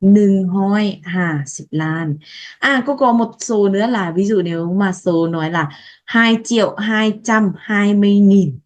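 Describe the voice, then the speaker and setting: A woman teacher giving a language lesson, saying each word slowly and twice so students can repeat it. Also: on the low side. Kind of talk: slow language lesson, repeating words for practice.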